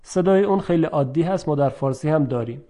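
A man teaching Arabic pronunciation, drawing out example words slowly and clearly, then explaining them quickly in between. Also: on the high side, dark tone. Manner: clear, careful articulation. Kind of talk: language lesson.

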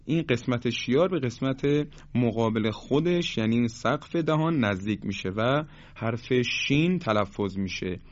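A man of middle pitch gives a careful pronunciation lesson. He explains slowly and steadily, then voices each example sound with force. The recording is dry and a little muffled. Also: animated, no echo. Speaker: teacher of Quranic pronunciation. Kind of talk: instructional explanation with demonstrations.

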